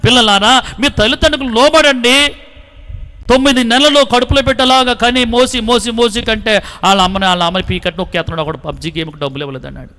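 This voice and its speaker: A man's voice: sits high, fairly even intonation, very fast, sharp tone. A male pastor preaching a sermon to a village gathering, telling folksy stories and calling for praise. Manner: storytelling preacher, repeatedly calls for praise. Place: outdoor gospel meeting with long reverb. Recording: long hall reverb.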